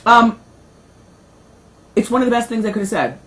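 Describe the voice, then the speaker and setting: A woman talk show host telling a personal story in casual chat, animated and emotional. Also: a little high, moderate pace, rough recording.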